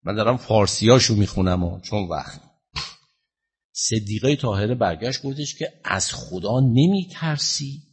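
A man preaching a sermon, telling a story slowly and with emphasis, and questioning the listeners directly. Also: breathy edge. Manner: slow, emphatic retelling with rising pitch and loudness.

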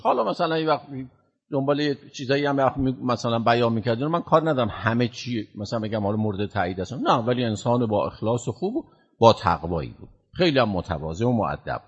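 Male preacher, breathy timbre, muffled recording, dramatic sermon storytelling. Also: medium pitch. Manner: animated, swings from loud to hushed. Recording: dull lo-fi sound.

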